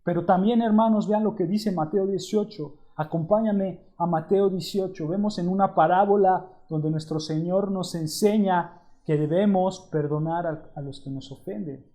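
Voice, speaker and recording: A man preaching a sermon as pastor, reading scripture aloud and calling his listeners brothers in a measured, emphatic way. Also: high voice, mellow.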